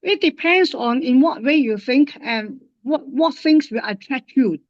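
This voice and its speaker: A woman from Hong Kong with a Hong Kong English accent, a guest linguist in a casual interview, speaking haltingly with many fillers and restarts. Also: high-pitched, animated, no room sound, dull audio.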